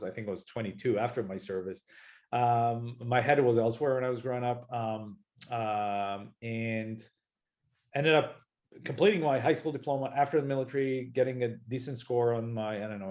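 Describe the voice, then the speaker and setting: A man in his forties with an Israeli accent, a startup founder talking casually in an interview, relaxed and hesitant. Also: mid-range voice. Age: 40s. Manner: hesitant, many fillers and restarts, relaxed.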